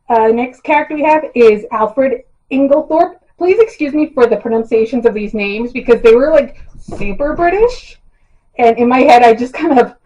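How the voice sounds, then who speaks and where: A hoarse woman with a voice on the high side and a little mellow rambles casually to camera as a YouTuber casting book adaptations. She's self-deprecating, with frequent ums and laughs, and the lo-fi sound comes from the built-in camera mic, with no external mic.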